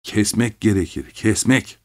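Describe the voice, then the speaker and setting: Man reading as a sneaky mocking inner voice, singsong, kinda low. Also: measured pace, darkish tone. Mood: mocking soothing. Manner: teasing, singsong. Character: mocking inner voice of fear, sly and devilish.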